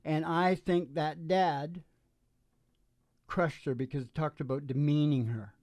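A middle-aged music-podcast host, also its singer-guitarist, talks in a rambling, emphatic, casual way, full of repeated phrases and "you know" check-ins. His voice is a little high and darkish, steady in tone and measured in pace. Recorded dry through a close stand mic on a small curtained indoor stage, with acoustic guitar in the background.

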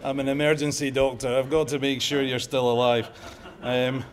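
A middle-aged Scottish man, an emergency medicine professor, gives a conference talk in a lecture room, dropping in wry, joking asides. He speaks with a Scottish accent at a moderate pace, his medium-pitched voice moving very little in pitch.

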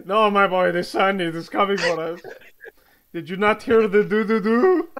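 A man voicing a frantic, paranoid male doctor who shouts in a panic, with laughing and sobbing in his voice. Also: sits high, animated, normal speed, pitched above the performer's own voice, poor audio.

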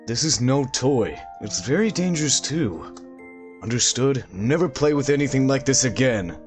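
A man's voice: mid-range voice, expressive, normal speed, soft background music, close to an everyday voice. A man voicing a stern but concerned father from a video game, reading the dialogue aloud. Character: stern, concerned father scolding his young daughter.

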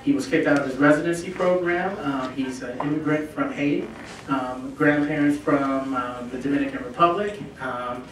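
At a lunch gathering, a Chicago film festival founder in his thirties addresses the club as a guest, earnest and chatty and saying um a lot. His mid-range voice is steady at normal speed, and the distant mic in the very echoey room adds a little hiss or hum.

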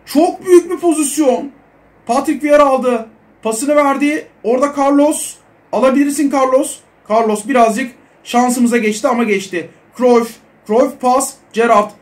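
A young man giving casual, excitable commentary over a mobile football game, chatting to his viewers. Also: extremely high pitch, measured pace. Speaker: mobile football gaming creator.

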